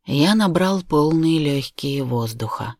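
A woman narrating a first-person story in a measured, steady way. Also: sits low, dry recording, studio quality. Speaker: audiobook narrator. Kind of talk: scripted narration.

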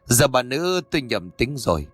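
A man voicing a calm, stern exorcist who speaks in a measured, admonishing way. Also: mid-range voice, dry recording, soft background music.

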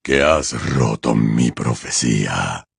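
A man voicing a cold, cruel male dark lord wizard in an audiobook, talking slowly and with contempt. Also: a bass voice, animated, creaky, breathy edge, no echo, studio quality, pitched below the performer's own voice, exaggerated voice. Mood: cold menace. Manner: slow, menacing, contemptuous. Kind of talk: audiobook character voice.

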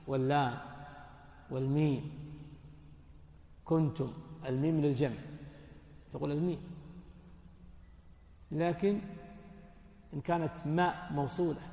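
A sheikh gives a classroom lesson on hadith, his voice pitched high with a gravelly edge. He keeps quizzing his listeners and then answers himself, in plain colloquial explanation. The sound rings through a large hall with a long, echoing tail. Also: a little mellow. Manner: asks students questions, then answers them himself. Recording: echoey hall with long reverb.

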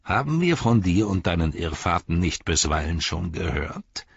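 Man doing a sneering dark herald, mocking, gloating, deep husky voice, dry muffled audiobook sound. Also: very animated, normal speed, dry recording, exaggerated voice. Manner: taunting, scornful, gloating.

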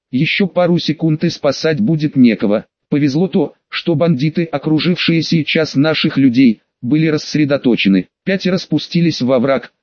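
A man reads an audiobook in the first person, his voice sitting a little higher than most men's. The delivery is steady and measured. The recording is dry, with no room sound, and a little dull in the highs. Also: dry recording. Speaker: audiobook narrator. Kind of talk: first-person scripted narration.

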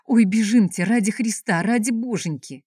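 A woman's voice: mid-range voice, moderate pace, dark tone, breathy edge, no room sound, studio quality, pitched above the performer's own voice, close to an everyday voice. A woman doing an anxious young servant. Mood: pleading. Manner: pleading.

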